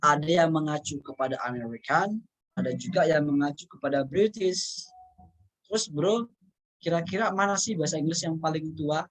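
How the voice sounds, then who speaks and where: Male teacher, patient casual lesson delivery, repeats key words, slows down for examples. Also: fairly high pitch, rough recording. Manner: reads English examples out slowly. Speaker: English teacher.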